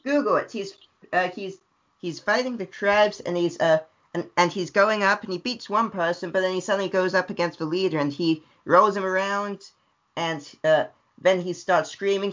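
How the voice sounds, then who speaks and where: A man's voice: sits high, normal speed. A man guesting on a podcast over a video call, talking energetically and repeating himself. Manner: energetic, repetitive, bursts into loud yelps. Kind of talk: casual review chat. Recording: dull lo-fi call audio.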